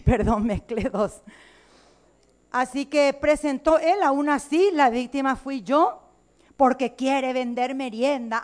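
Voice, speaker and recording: A woman legislator with a Paraguayan Spanish accent giving a combative, emphatic floor speech in a legislative chamber. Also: fairly high pitch.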